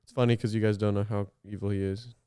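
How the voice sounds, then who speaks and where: A man's voice: fairly low pitch, level tone, quick pace, dark tone, clear, resonant tone, dry recording. A man co-hosting a podcast in casual, bantering conversation. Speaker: podcast co-host.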